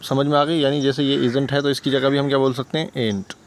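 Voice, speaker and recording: A male teacher with a mother tongue explains English grammar in a relaxed, talky style. He repeats examples and keeps asking rhetorical questions. His voice sits in a middle pitch, with faint background noise and birdsong. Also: brisk. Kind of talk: casual classroom explanation.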